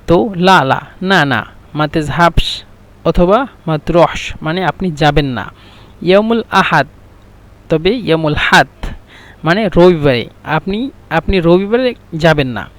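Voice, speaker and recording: A man with a Bangladeshi Bengali accent teaching an Arabic lesson, repeating phrases slowly to drill them. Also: on the high side. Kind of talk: explaining a language lesson.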